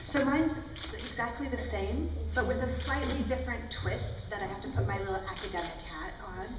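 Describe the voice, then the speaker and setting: A woman's voice: fairly high pitch, normal speed. A woman originally from the Netherlands, speaking as an academic panelist, explaining points emphatically and often adding "right?". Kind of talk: panel discussion. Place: large hall at a breakfast event. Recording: echoey hall from far off, background noise.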